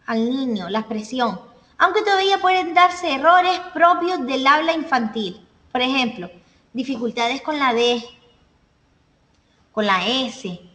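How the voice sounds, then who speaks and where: A woman gives a classroom lecture in a high voice, walking through points with examples and pausing to check her listeners follow. The sound is roomy with a long reverb tail. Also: sharp tone. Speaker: teacher. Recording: echoey room, voice from a distance.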